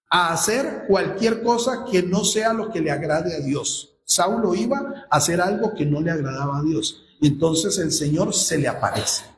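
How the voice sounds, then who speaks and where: Slow-speaking pastor in an echoey church. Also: male voice, a little high, slight background noise. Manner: asks the congregation rhetorical questions. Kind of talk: sermon. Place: church sanctuary.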